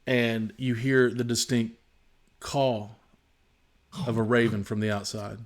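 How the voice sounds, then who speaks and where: A man serving as game master, narrating the scene in an unhurried, descriptive way. His voice sits at an ordinary middle pitch, and he pauses with fillers as he sets each moment. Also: fairly even intonation.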